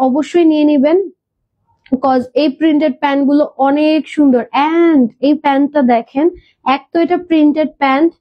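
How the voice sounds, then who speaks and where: A woman's voice: high voice, no echo, muffled recording. A woman hosting a live clothing sales stream, chatty, mixing in English words and hesitating with fillers and repeats. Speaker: online clothing seller.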